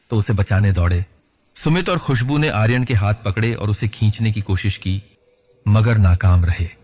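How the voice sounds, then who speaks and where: Low-voiced man narrating horror. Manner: dramatic, measured. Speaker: horror storyteller. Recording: lo-fi dull recording.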